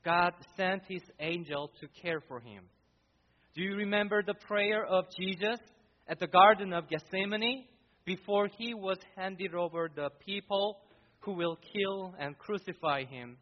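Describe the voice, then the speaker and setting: A man's voice: high-pitched, unhurried, in a large hall, muffled recording. A man preaching a sermon in a church, earnestly addressing his congregation. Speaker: pastor. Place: church sanctuary.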